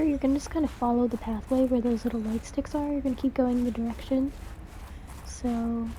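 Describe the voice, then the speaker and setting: A woman gives casual walkthrough commentary for a video game, guiding step by step. Her voice is fairly high but very soft-edged and dark in tone, with clear game noise behind it. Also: rough recording. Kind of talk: casual gameplay commentary and instructions. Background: game sound.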